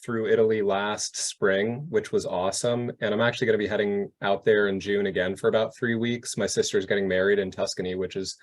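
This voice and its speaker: Chill guy on a podcast, lowish voice, lots of yeahs and mm-hmms. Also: steady tone, fairly quick, hardly any pauses. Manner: easygoing, frequent short agreements. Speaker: podcast co-host. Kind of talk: casual chat.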